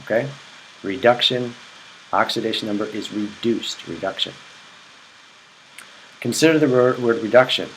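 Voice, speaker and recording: Low-voiced man teaching chemistry. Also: moderate pace, pauses often, fairly bright tone, slight background noise, poor audio. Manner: repetitive, checks in with "okay?". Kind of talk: recorded classroom lecture.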